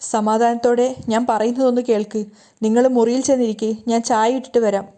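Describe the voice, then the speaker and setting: A woman's voice: fairly high pitch, flat delivery, normal speed, mellow, natural voice. A woman voicing a frightened young wife who pleads and defends herself, upset. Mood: pleading.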